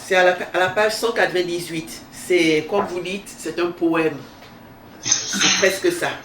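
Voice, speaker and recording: A woman hosting a book show with a thin, reedy, nasal voice, talking off the cuff, halting and repeating her phrases for emphasis. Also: lowish voice, steady tone, fairly bright tone. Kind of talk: unscripted book discussion. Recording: roomy echo, distant mic, faint noise.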